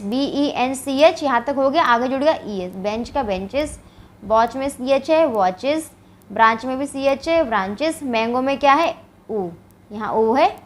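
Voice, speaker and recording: High-voiced woman teaching grammar. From India. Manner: explains step by step, asking and answering her own questions; says "ठीक है" often as a check-in. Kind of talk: classroom grammar lesson.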